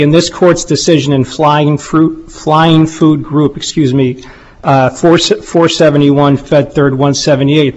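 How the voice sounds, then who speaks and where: A man making a formal legal argument in a courtroom, speaking deliberately and deferentially as an appellate lawyer. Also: on the high side. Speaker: lawyer arguing an appeal. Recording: dull, muffled courtroom recording.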